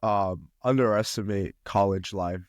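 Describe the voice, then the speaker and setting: A man's voice: fairly low pitch, unhurried, dry recording, studio quality. A young man from China, a podcast guest chatting casually about college life, with lots of fillers and restarts. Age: young adult. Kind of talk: casual conversation.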